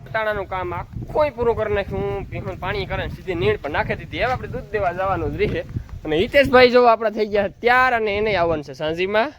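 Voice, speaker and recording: A casual dairy farm vlogger, speaking in a middle-pitched voice. They chat to viewers and break off to call out to the cattle. Light farm noise and animals sit in the background. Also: quick pace. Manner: chatty, calls out loudly to cattle between remarks. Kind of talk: casual vlog narration.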